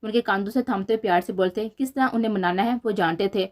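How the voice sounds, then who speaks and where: A woman narrating a romance novel as scripted storytelling, in a steady, even reading manner. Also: medium pitch.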